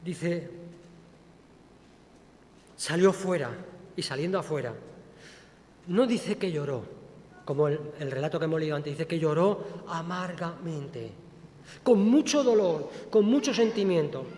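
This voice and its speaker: A man preaching in a church, his voice pitched high for a man. He tells the story with feeling and acts out the quoted voices. A long reverb the hall trails each phrase. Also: lively intonation, a little slow, long pauses, a little mellow, a little hiss or hum. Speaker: pastor. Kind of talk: sermon.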